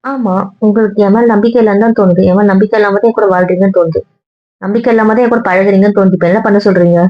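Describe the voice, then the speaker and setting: A woman argues with her partner in a hurt, tired, lecturing tone, at a middle pitch. The recording sounds dull and lo-fi. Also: steady tone, racing, faint music behind. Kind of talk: couple's argument vlog.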